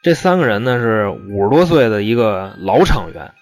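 A man's voice: on the low side, expressive, moderate pace, soft background music. Man, profane and chatty. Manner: colloquial, profane, chatty with rhetorical asides. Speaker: storyteller. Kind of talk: casual true-crime storytelling.

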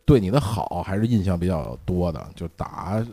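A man's voice: sits low, sing-song, normal speed, warm tone, husky. A man with a Beijing accent telling personal stories in a casual, colloquial chat, acting out sounds and quotes as he goes.

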